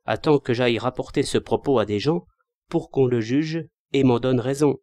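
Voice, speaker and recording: Man voicing a tearful sharp-tongued young woman. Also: mid-range voice, moderate pace, no room sound, lightly acted. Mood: scolding. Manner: reproachful, sobbing speech.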